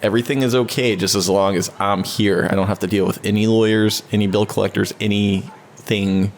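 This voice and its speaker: A man co-hosting a relaxed podcast conversation, rambling and restarting his thoughts as he talks. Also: fairly quick, a little hiss or hum. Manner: rambling, with many restarts, briefly mimics others in a high voice. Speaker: podcast co-host. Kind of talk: casual conversation. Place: home studio.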